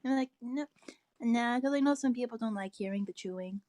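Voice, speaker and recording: A woman playing a board game over voice chat, speaking softly and quietly. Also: on the high side, a little fast, dry recording, studio quality. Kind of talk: casual voice chat while gaming.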